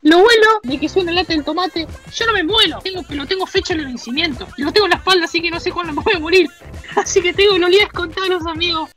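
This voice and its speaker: A woman's voice: very high-pitched, fast talker, fairly bright tone, soft background music. A woman voicing a boastful, lonely male talking tomato can with an Argentine accent, in a comic house-tour sketch, cheeky and self-pitying. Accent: Argentine Spanish.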